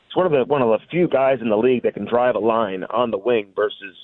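A man with a mid-range pitch speaks fast, giving unscripted sports analysis like a guest reporter, frequently dropping "you know" and "listen." The dry, somewhat dull sound resembles a lo-fi radio call.

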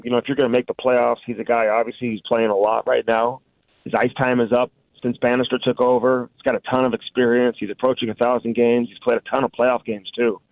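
Sounding like a lo-fi radio call, dry and somewhat dull with no room sound, a man in the middle pitch range talks through sports analysis unscripted, as a guest reporter would. He is conversational and says "you know" and "listen" often.

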